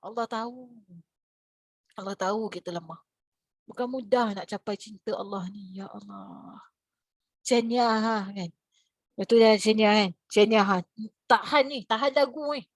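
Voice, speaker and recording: A woman religious teacher with a Malaysian Malay accent giving a lively lecture, asking rhetorical questions and breaking into sudden high exclamations. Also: measured pace, pauses often, no room sound. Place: lecture hall.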